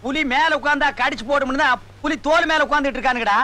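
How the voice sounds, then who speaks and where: An actor playing a blustering village sorcerer who scolds and shouts insults, in a film comedy. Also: male voice, very high-pitched, very fast, rough recording. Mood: mocking. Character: blustering bossy male village sorcerer-priest.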